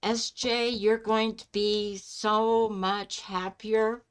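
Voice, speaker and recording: A woman chatting casually as a live stream host, speaking in a halting way with pauses mid-sentence. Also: mid-range voice, little pitch movement, smooth. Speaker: live stream host giving psychic love readings.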